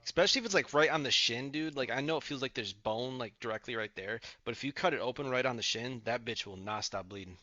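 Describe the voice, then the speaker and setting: A man's voice: medium pitch, quick pace, hardly any pauses, pushed and bright, lo-fi sound. Laid-back man in gaming chat. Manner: laid-back, swears and laughs easily. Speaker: streamer and race league member.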